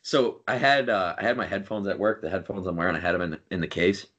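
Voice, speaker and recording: A man's voice: low voice, quick pace, a bit bright, lo-fi sound. A man hosting a casual podcast, teasing his friends and telling stories in a joking way. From Long Island. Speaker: podcast host. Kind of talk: casual chat.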